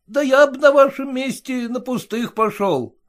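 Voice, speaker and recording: A man's voice: very high-pitched, animated, normal speed, voice pushed up. A man voicing a group of mocking merchants who jeer at a card player in a story reading. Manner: teasing, mocking banter.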